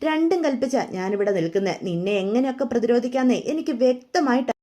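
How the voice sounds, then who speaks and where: A woman's voice: on the high side, animated, fast, warm tone, lightly acted. A woman voicing a defiant, scheming young wife who taunts her husband and fakes tearful distress. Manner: taunting, then wailing in mock distress.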